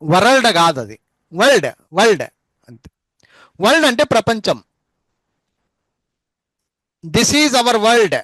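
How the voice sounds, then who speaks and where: High-voiced man teaching spellings. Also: a bit bright, no echo, rough recording. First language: Telugu. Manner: spells words out letter by letter, repeats words slowly. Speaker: English teacher. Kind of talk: spoken English lesson.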